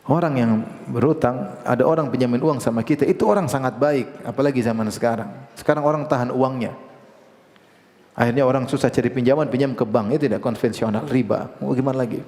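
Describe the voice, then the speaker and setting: A preacher with a medium-pitched voice talks fast in a room with a big-room sound. Giving an Islamic lecture, he tells lively stories and performs the voices of the characters he quotes.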